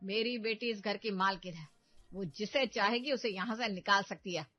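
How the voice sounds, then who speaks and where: A woman's voice: medium pitch, normal speed, dry recording, lo-fi sound, natural voice. Woman playing a bossy scheming mother. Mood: domineering. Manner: loud, domineering, stirs up trouble. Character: scheming meddling middle-aged mother, bossy.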